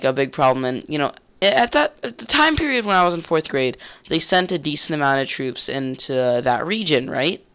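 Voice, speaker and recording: A man's voice: a little high, creaky, a bit bright, clear, resonant tone. A young man telling a heated story in a casual rant, swearing and stumbling over restarts.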